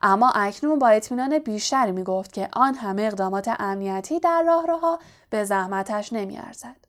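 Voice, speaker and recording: A woman reading an audiobook chapter aloud in a steady scripted narration. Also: a little high.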